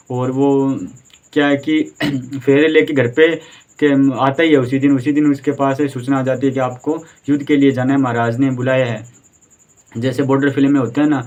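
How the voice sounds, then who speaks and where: Guy telling an old history story like a class lesson, pretty flat voice, kinda dull lo-fi sound, asks himself questions as he goes. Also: mid-range voice. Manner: conversational retelling with rhetorical questions; fillers and restarts. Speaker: history teacher.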